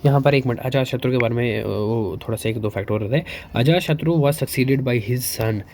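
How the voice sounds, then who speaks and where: A man teaching history for exams, reading English lines slowly, then explaining fast in Hinglish with fillers and questions he answers himself. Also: mid-range voice, a little mellow, slight background noise. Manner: keeps asking and answering his own questions. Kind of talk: exam-prep lecture.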